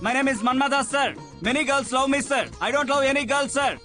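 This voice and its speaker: A man's voice: very high voice, steady tone, slow pace, pushed and bright, heavily acted. A man dubbing a silly, boastful job candidate, music behind. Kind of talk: Telugu film dub dialogue.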